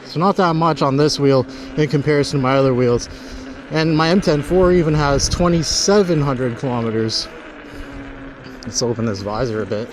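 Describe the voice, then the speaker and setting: A man's voice: mid-range voice, fairly even intonation, moderate pace. A man vlogging casually while riding an electric unicycle on outdoor paths, rambling and swearing loosely, speaking into a helmet-mounted mic. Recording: wind and street noise from riding outdoors.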